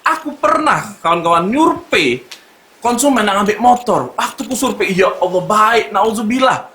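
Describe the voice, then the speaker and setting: A man with a Palembang accent performing a stand-up comedy set, telling his story with big swings between shouts and low asides. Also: animated, moderate pace. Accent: Palembang Malay. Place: stage at a live comedy show. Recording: echoey venue, loud background noise.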